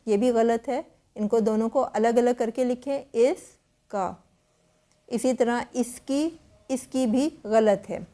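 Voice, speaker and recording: A woman teacher calmly explaining spelling rules word by word, in a patient way. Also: fairly high pitch.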